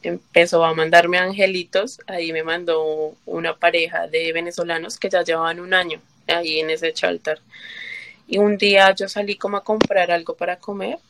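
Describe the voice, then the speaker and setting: A woman from Colombia tells her personal story as an interview guest, her voice slightly low. She talks in halting runs, restarts often, and acts out what others said to her. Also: flat delivery, fairly bright tone, no echo. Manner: halting, with fillers and restarts, quotes herself and others. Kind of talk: emotional personal testimony.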